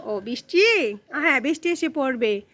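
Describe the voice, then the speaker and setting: A woman's voice: high voice, animated, unhurried, a bit bright, no echo. A woman filming and narrating a casual family vlog, coaxing her small daughter while talking to viewers.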